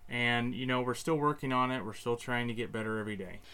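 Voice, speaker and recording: A man's voice: mid-range voice, fast, smooth. A man in his thirties co-hosting a podcast with his wife, casual and conversational. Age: 30s. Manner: reads the opening like a loud announcement. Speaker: podcast co-host. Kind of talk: podcast intro and casual chat.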